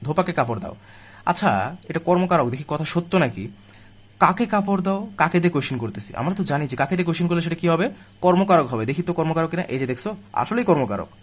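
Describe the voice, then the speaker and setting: A man's voice: a little high, expressive, rapid-fire. A young man teaching a live online grammar class to admission students, chatty and direct, though weak from illness. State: weak and ill, speaking slowly.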